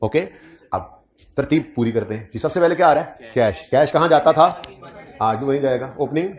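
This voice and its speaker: A man delivers a classroom lecture on accounting, quizzing students on figures and tossing in teasing asides. His voice is medium in pitch and moves at normal speed.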